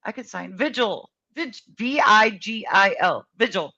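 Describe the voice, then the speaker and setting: A woman's voice: medium pitch, animated, measured pace, sharp tone, no echo. Woman on a dull, lo-fi call line. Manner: teasing, coaxing. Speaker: co-host on a live stream. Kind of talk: casual live-stream chat.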